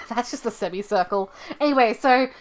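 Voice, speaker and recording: A woman's voice: fairly high pitch, moderate pace, slight background noise. A young woman telling a rambling story to her stream as she draws, full of fillers and side remarks. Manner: rambling, with many fillers and asides. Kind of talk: casual storytelling while drawing on stream.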